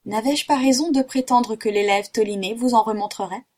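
A woman's voice: on the high side, brisk, darkish tone, close to an everyday voice. A woman voicing an amused middle-aged army major who speaks in a wry, teasing way.

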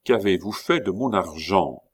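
A man voicing an irritable army commandant, talking in a gruff, loud, exasperated way in a read-aloud novel. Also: low voice, animated, measured pace, exaggerated voice. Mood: irritated. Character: irritable middle-aged army commandant, gambler.

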